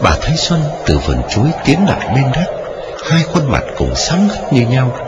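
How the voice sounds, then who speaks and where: A man's voice: huge pitch swings, normal speed, highs cut off, very noisy. A man narrating a ghost story in a dramatic storytelling manner. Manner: dramatic storytelling with wide swings in pitch. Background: music.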